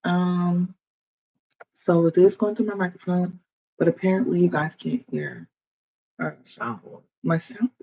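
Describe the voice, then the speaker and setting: Slow-talking streamer thinking aloud. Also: mid-range voice, mellow, highs cut off. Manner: thinks aloud while fixing audio settings; chatty, talks straight to viewers. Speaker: livestreamer. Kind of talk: casual live stream chat. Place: at a computer, indoors. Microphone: computer microphone, wearing headphones.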